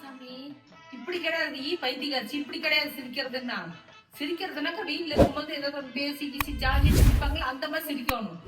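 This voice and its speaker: A woman scolding her grown daughter in a casual family prank video, exasperated and swinging from grumbling to shouting. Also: high-pitched, fairly even intonation, fast talker, roomy sound, recorded from a distance, over music.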